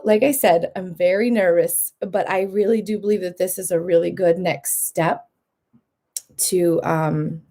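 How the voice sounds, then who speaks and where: A woman's voice: on the low side, warm tone. A woman in her thirties talking candidly to camera in a casual vlog, chatty, laughing often and acting out what other people say. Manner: acts out other people's lines in a lifted voice. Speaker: vlogger.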